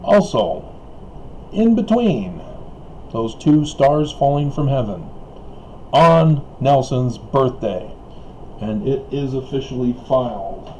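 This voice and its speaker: A medium-pitched man with a dark, very animated voice talks slowly and pauses often in a low-quality recording with slight background noise. As an online video commentator in a rambling solo monologue, he keeps chuckling, hesitating and restarting, and he coughs as his voice wears out.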